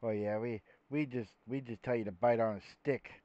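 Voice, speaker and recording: Joking guy in a roleplay game, mid pitch, flat dull lo-fi mic, totally dry. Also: moderate pace, dry recording. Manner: wisecracking, jokey asides.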